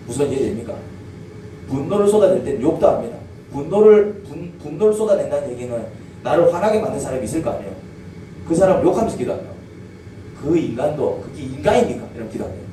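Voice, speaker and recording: This male pastor sounds very animated, a little high, and mellow, talking fast but pausing often. Preaching in a church sanctuary, he asks questions and draws call-and-response replies. A distant mic picks up hall echo and background noise.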